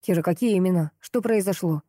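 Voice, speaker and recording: Woman reading as a brisk young male staffer. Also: lowish voice, dark tone, no echo, clean studio sound, close to an everyday voice. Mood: urgent. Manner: brisk, questioning.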